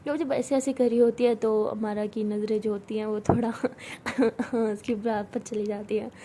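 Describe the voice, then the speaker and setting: High-voiced female storyteller. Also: fairly even intonation, moderate pace, mellow, a little hiss or hum. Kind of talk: informal story narration with acted dialogue.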